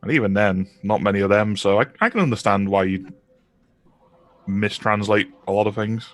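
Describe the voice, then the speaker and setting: A man's voice: fairly low pitch, normal speed. A man talking as a player in a tabletop game, casual and matter-of-fact, partly in character.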